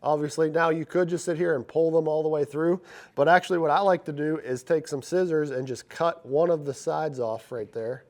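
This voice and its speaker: A man hosting a fishing channel, talking to viewers in a casual, upbeat way. His voice is raspy and stuffed up from congestion. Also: a little high, fairly even intonation, a little fast, a little mellow. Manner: upbeat, chatty, talks straight to viewers. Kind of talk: casual instructional vlog.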